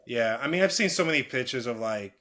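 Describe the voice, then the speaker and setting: A man hosting a relaxed podcast conversation in a bright, mid-pitched voice. He chimes in often with agreement and speaks loosely, with casual swearing. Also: fast talker, slight background noise. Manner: frequent agreeing "yeah", loose profane speech.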